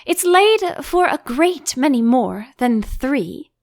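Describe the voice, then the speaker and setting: A woman voicing a prim, curious young girl in a storybook, quick to object and easily indignant. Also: sits high, big pitch swings, pitched above the performer's own voice, heavily acted. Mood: surprised.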